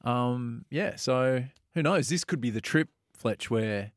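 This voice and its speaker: Aussie guy chatting casually on a radio show, average pitch, dry sound. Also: lively intonation, slow pace, no room sound. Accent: Australian. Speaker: radio show team member. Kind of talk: casual chat.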